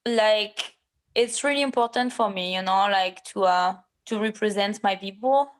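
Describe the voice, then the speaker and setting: A woman in her thirties, talking casually as an interview guest. She speaks haltingly and restarts her sentences often. Now and then she turns blunt and swears. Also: medium pitch, slight background noise. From France. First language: French. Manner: hesitant, many fillers and restarts, blunt and swearing at times. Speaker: MMA fighter, interview guest.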